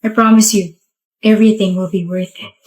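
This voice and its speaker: A woman playing a pushy, manipulative young boyfriend in a skit, talking in a lowered, menacing way. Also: steady tone, moderate pace, darkish tone, lightly acted. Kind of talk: skit role-play.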